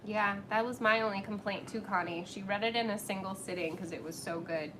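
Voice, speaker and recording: Chatty woman co-host, casual stream talk, mid pitch, clear rumbling noise behind. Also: a little fast. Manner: chatty, laughs easily. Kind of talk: casual livestream chat.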